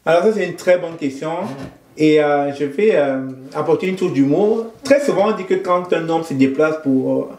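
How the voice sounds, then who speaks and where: A Cameroonian man appears as a guest in a conversational interview, speaking in a thoughtful, measured way with frequent pauses and hesitations as he searches for words. His voice is a little high and a little mellow, and the room adds a noticeable echo.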